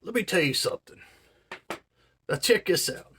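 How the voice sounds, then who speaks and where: A man's voice: high-pitched, expressive, moderate pace, pushed and bright, a little hiss or hum. A man in his forties talking in a casual, rambling monologue, full of "you know" and "man", with earnest, marvelling emphasis. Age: 40s. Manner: chatty, filler-heavy, says "man" and "you know" a lot. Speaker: vlogger.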